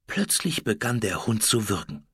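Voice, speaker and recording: A man narrating a storybook in a steady, measured reading. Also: on the low side, breathy edge, no room sound, clean studio sound. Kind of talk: audiobook narration.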